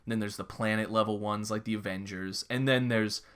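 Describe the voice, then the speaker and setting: A man in his twenties co-hosting a podcast, chatting casually with quick laughs and some swearing. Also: lowish voice, steady tone, a bit bright, clear, resonant tone. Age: 20s. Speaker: podcast co-host. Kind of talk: casual chat.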